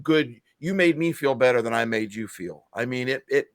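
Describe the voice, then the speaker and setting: On a casual video-call podcast, a male co-host speaks earnestly and emotionally about helping people, calling himself a feeler. His mid-range voice has lively intonation at a moderate pace. The recording is dry and of studio quality.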